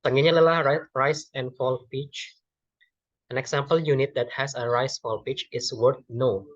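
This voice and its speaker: A man's voice: mid-range voice, fairly even intonation, moderate pace, no room sound. Hesitant young man, dull dry audio. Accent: Indonesian. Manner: hesitant, many fillers and self-corrections. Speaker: student presenter. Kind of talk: class presentation.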